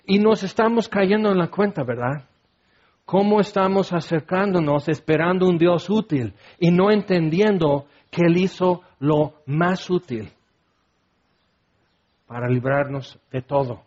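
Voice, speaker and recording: A man preaching a sermon, animated, acting out biblical voices and sometimes shouting. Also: high-pitched, measured pace. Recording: dull lo-fi sound.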